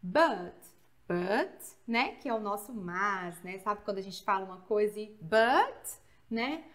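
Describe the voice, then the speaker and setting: Speaking slowly in a medium pitch, this teacher from Goiás carries a Brazilian accent. Her English grammar class is lively and talkative, switching between Portuguese and English and packed with tag questions.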